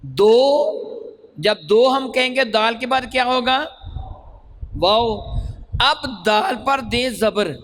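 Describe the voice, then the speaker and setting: A man teaching Quran reading in a lesson, stretching sounds out slowly as he demonstrates them and quizzing his listeners. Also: extremely high pitch, a bit bright, rough recording.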